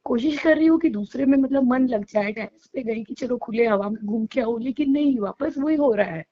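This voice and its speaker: A high-pitched woman speaks haltingly and tearfully, still trembling after long crying. Her voice comes through muffled, lo-fi call audio. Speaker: caller. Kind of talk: emotional phone call to a guru.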